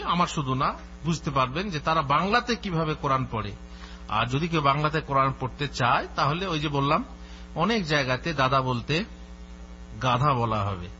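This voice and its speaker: A man teaches a religious lesson in a fairly high, strikingly bright voice. He works through each point by asking a question and answering it himself. The recording is dull and lo-fi, with a faint mains hum beneath. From West Bengal. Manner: explanatory, poses questions and answers them himself. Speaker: Islamic scholar giving a lesson.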